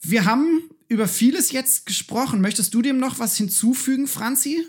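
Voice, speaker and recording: A woman co-hosting and moderating a casual conversation, with a slightly husky voice. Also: high voice, lively intonation, moderate pace, darkish tone. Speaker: podcast co-host, moderator.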